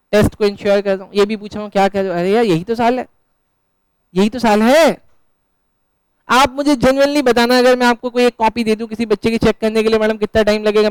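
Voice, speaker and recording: High smooth-voiced guy teaching a class, asks stuff then answers it, teases the students a lot. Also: no echo, low-quality recording. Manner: asks questions and answers them himself; teasing, chatty banter with students. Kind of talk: live classroom lecture.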